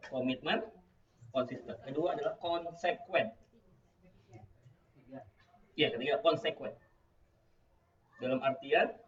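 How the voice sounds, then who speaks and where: Guy preaching live, kinda high voice, echoey and far from the mic, joking with the crowd. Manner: humorous, addresses audience directly. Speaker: Islamic preacher. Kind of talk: live religious lecture. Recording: echoey, distant, dull live-stream audio.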